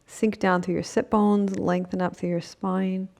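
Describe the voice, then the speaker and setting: Woman yoga teacher doing guided breathing, really slow, pauses a lot, breaths and sighs you can hear. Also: mid-range voice, level tone, darkish tone. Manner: slow, pausing delivery in short phrases.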